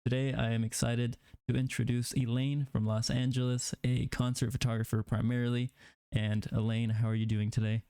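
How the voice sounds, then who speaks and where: A man's voice: mid-range voice, flat delivery, normal speed, warm tone, clean tone, dry recording. A young man from Mexico hosting an interview, asking rambling, easygoing questions with fillers. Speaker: podcast host.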